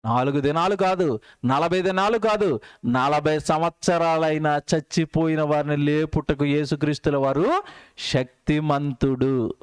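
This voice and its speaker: High-voiced male preacher asking rhetorical questions. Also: unhurried, clear, resonant tone, no room sound. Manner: animated, repeats lines, asks the listeners rhetorical questions. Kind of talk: sermon.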